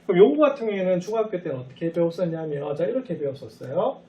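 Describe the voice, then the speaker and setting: A man with a high voice gives a recorded math lesson, peppering each step with his own quick questions before answering them. He sits a little back from the mic, so the sound is slightly distant. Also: very animated, dark tone, highs cut off. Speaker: math teacher.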